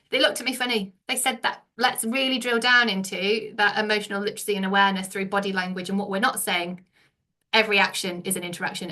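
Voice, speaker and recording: A middle-aged English woman leads a teacher training session, explaining each point and putting questions to her listeners. Her voice has a bright, forward edge at an ordinary middle pitch. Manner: explanatory, asks the room many questions.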